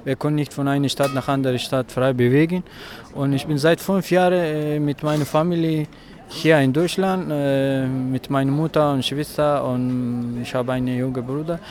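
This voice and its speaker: A man from Afghanistan, a protester speaking in halting, broken German with many pauses. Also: mid-range voice, steady tone, darkish tone. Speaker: asylum-seeking protester. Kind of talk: street interview. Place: outdoors in a city street. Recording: faint traffic noise outdoors.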